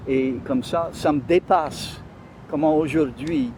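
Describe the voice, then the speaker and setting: A slightly high, darkish male voice comes through slowly, with a little hiss or hum in the recording. The man, an interview guest with a Louisiana French accent, often hesitates while searching for words in this conversational interview.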